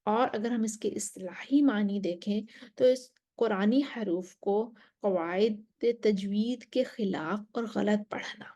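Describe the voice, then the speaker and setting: A woman teaching a Quran recitation lesson, explaining slowly and carefully, with Arabic recitation between points and some soft whispered remarks. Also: mid-range voice. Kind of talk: religious lesson.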